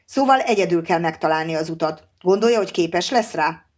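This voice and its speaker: A cautious scientist explains himself in measured, careful sentences, read by a woman. He sounds like a middle-aged man who is thinking ahead, in a slightly low voice. It is a plain audiobook reading. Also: lively intonation, a little mellow.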